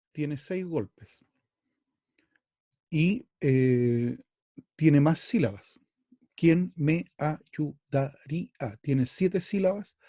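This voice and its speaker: A man from Chile gives an online lesson on verse and meter at an unhurried pace. His tone is mellow, and he often stops to repeat a word before going on. The sound is dry and close, with no room around it. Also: medium pitch, husky, no room sound. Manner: slow and halting, repeats words, spoken examples. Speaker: music teacher. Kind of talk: online class lecture.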